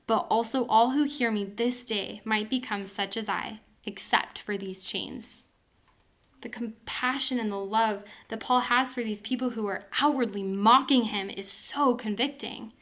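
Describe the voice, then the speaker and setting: Earnest woman teaching a Bible study. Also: fairly high pitch. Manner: earnest, expressive storytelling with dramatic pauses.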